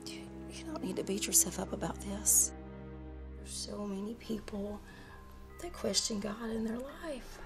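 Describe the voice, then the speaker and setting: A gentle, comforting friend. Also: female voice, mid-range voice, unhurried, creaky, loud music behind the voice. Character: kind, supportive woman companion.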